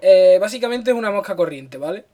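A man's voice: high voice, animated, brisk, mellow. A man with a Spanish accent from Spain, co-hosting a podcast in casual banter, joking and explaining things with a habitual "¿vale?". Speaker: podcast co-host. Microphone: one microphone shared with co-host.

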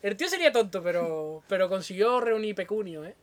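A man's voice: sits high, lively intonation, a little fast, a crowd in the background. A man, co-hosting a casual chat and telling a story, laughing often as he goes. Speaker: podcast co-host.

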